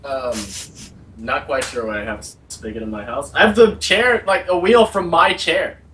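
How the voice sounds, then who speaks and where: A man's voice: on the high side, fairly even intonation, normal speed, fairly bright tone, slight background noise, rough recording. A man co-hosting a live-stream podcast, rambling through goofy asides. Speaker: podcast co-host. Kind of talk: casual live-stream chat.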